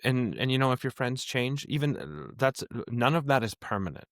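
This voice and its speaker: Earnest, halting man host. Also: medium pitch, very animated, no echo, studio quality. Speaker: podcast host. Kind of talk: casual chat.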